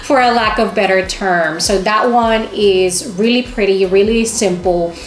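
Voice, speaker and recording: A woman's voice: mid-range voice, unhurried. A woman vlogger chatting casually and enthusiastically to camera as she shows things off in a shopping haul. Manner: chatty, enthusiastic, exclaiming over items. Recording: echoey room with music underneath.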